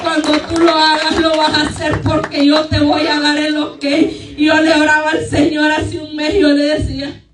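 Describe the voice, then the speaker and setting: A woman's voice: high-pitched, completely flat delivery, normal speed, soft background music. A woman giving an earnest, emotional testimony to her church congregation. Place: church hall. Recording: echoey church hall, mic far off.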